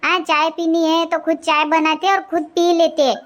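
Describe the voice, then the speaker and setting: A woman voicing a sharp-tongued young daughter-in-law in a cartoon, defiant and talking back. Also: extremely high pitch, little pitch movement, moderate pace.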